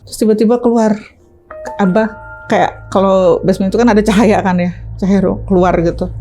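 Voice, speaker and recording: A woman guest telling her own story in a chatty, animated, casual way, tagging her sentences with fillers. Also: mid-range voice, brisk, faint music behind. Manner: chatty, animated, tags lines with "gitu". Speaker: ride-hailing driver, interview guest. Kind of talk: casual first-person storytelling.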